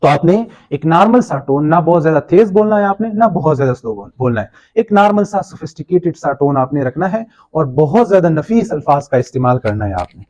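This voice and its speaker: Young Pakistani man as a workshop trainer, high pitch, soft dark tone, slips English into his talk. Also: sing-song, brisk, hardly any pauses. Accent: Pakistani Urdu. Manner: checks in with the audience often. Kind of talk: workshop lecture.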